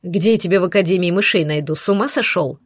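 A woman's voice: fairly low pitch, fast talker, slightly rough, no room sound, clean studio sound. A woman voicing a proud, snappy female cat familiar in an audiobook. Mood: hissing angry. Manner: snappish, indignant.

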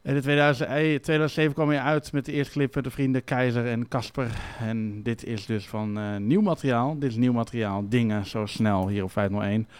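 Male radio host with a smooth, dry voice. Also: medium pitch, steady tone, a little fast, hardly any pauses, no echo. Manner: casual, hesitant with many fillers. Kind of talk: radio presenting between songs.

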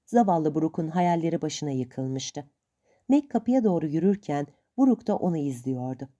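A woman narrating a storybook in an expressive, measured way. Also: low voice, lo-fi sound.

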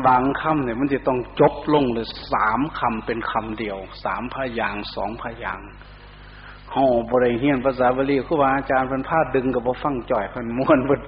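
A man's voice: mid-range voice, brisk. A middle-aged man with an Isan accent, a Buddhist monk giving a sermon and breaking into Pali chanting to show how it should sound. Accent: Isan (northeastern Thai). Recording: dull lo-fi hall recording with faint hum.

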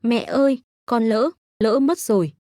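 A woman's voice: a little high, unhurried, dark tone, no room sound, studio quality, natural voice. A woman reading the part of a young factory worker who pleads with her mother in a choked voice. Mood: tearful. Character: young woman, a homesick worker, tearful daughter.

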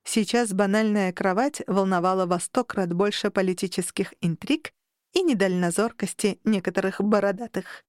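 Woman narrator, first-person audiobook, expressive, wry, dead-dry studio sound. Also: mid-range voice, moderate pace, no room sound.

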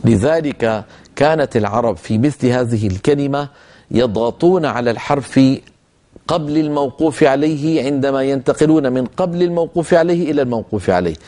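A man's voice: mid-range voice, warm tone. Older man teaching Quran recitation. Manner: explanatory, demonstrates recitation with slow drawn-out examples. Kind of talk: religious lecture.

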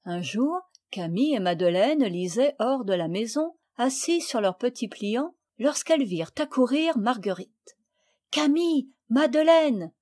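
A woman's voice: fairly high pitch, lively intonation, a little slow, hardly any pauses, darkish tone. Woman reading a children's novel aloud. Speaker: audiobook reader. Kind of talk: scripted narration of a classic children's novel.

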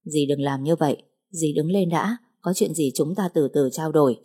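A woman voicing a calm, reluctant young man who speaks slowly and soothingly in an audiobook. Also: sits low, husky. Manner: slow, soothing, hesitant.

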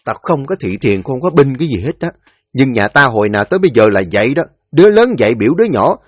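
Guy doing a hot-tempered old dad, gruff, dry close sound. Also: medium pitch, big pitch swings, quick pace, no room sound. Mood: angry. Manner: gruff threatening scolding. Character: stern old father, domineering and hot-tempered.

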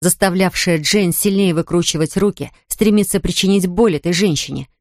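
Low-voiced woman narrating an audiobook. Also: normal speed, no room sound, clean studio sound.

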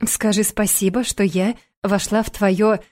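A woman voicing a scornful, mocking blonde ex-wife and mother who talks in a sugary, condescending way, in a mellow voice. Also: medium pitch, fairly even intonation, measured pace, lightly acted.

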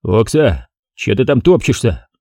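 A gruff middle-aged police chief, impatient and slangy, voiced by a man reading an audiobook. The voice is dark and mellow with a lively pitch. It is recorded dry and close. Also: a little slow, no room sound.

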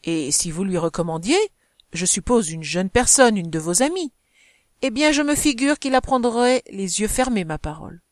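A woman's voice: mid-range voice, lively intonation, moderate pace, no room sound, clean studio sound, lightly acted. A woman reading the part of a chatty elderly countess in an audiobook, insistent and coaxing, stretching her emphatic words.

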